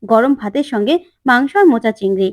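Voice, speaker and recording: A bold young daughter-in-law who answers back with teasing retorts, read out by a woman. Her voice sits high and quick. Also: expressive, natural voice. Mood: retorting.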